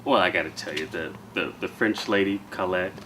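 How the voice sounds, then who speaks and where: A man's voice: low-pitched, brisk, a bit bright, a little hiss or hum. A man playing a pompous, self-satisfied office artist in a mockumentary comedy.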